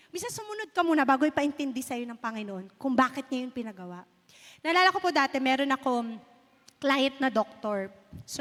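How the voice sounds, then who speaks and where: A woman's voice: sits high, a bit bright. A woman pastor in her thirties with a Filipino accent, preaching a storytelling sermon and mixing Filipino with English. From Philippines. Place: church sanctuary. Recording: long reverb of a hall.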